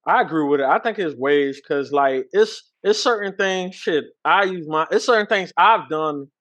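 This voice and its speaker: A man in casual chat, speaking in a halting, reflective way. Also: a little high, a bit bright. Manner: halting, reflective, restarts sentences.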